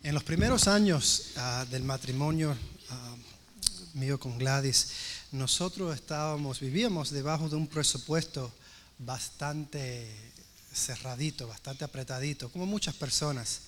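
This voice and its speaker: A man preaching by telling a chatty personal story, acting out the dialogue with animated energy. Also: mid-range voice, a little slow, a little hiss or hum. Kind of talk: sermon storytelling.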